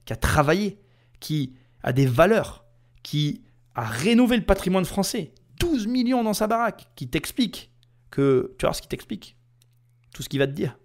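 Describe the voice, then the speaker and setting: Male podcast host, angry rant, lively swooping pitch, somewhat high voice. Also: normal speed. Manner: heated, indignant, addresses listener directly. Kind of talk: ranting podcast commentary.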